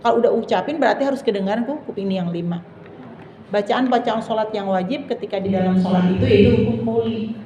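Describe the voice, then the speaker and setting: A woman religious teacher, giving a lesson to women, asking questions and drawing out recited phrases slowly. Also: medium pitch, dark tone, a little hiss or hum. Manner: drawn-out demonstrative recitation, asks the audience questions. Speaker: Islamic teacher. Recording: distant echoey hall, dull lo-fi sound.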